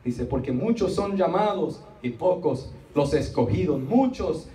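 Preaching to his congregation in Spanish, a middle-aged man repeats himself for effect, acts out asides, draws out key words and pauses for responses. His voice is mellow and fairly high with lively intonation. A handheld microphone heard from the seats of a small church meeting room yields a roomy, far-off recording with faint noise.

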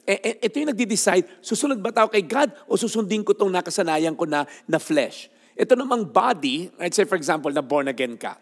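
Animated Filipino pastor, lively voice. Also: male voice, high-pitched, quick pace, slightly rough, in a large hall. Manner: animated, code-switching, emphatic. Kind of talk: devotional teaching. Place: studio set styled as a living room, on a sofa.

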